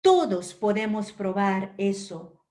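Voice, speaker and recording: A woman from Brazil giving a spiritual lecture, telling a personal story in a gentle, unhurried way with soft asides. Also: mid-range voice, lively intonation.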